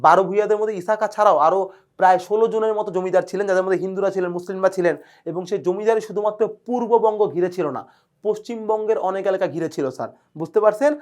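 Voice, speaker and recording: A man's voice: sits high, fairly even intonation, a little mellow. A male teacher, giving a recorded exam-prep lecture. He talks eagerly about where words come from and keeps checking whether the students follow. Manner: fast, checks in constantly with "clear, sir?"; enthusiastic about word origins.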